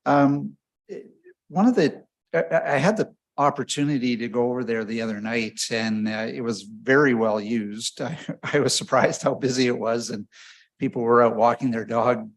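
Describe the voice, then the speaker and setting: A man's voice: medium pitch, normal speed. A man serving as a city councillor, speaking in a friendly, appreciative way with small stumbles. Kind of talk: council remarks. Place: council chamber.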